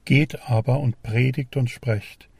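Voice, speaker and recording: A man giving a slow, solemn, measured reading of a Gospel passage aloud. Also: medium pitch, fairly even intonation, vocal fry, darkish tone, husky, no room sound. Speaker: scripture reader.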